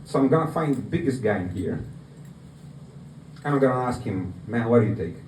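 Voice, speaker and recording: At a bar's open mic night, a Greek amateur comic tells a story to the crowd, his accented voice lively in pitch and his casual delivery halting. The recording is roomy and echoey, taken from a distant mic. Behind him are room noise and audience laughter.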